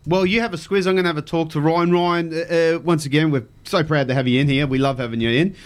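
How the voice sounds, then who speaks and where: A man's voice: a little high, steady tone, quick pace. An Australian man hosting casual radio chat in a blokey, slangy tradesman manner. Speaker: radio fishing show host. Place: radio studio.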